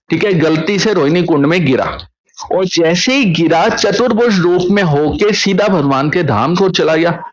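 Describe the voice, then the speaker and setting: A man's voice: sits high, dull audio. A man telling a devotional story in a chatty way, often stopping to check in with his listeners. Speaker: katha storyteller.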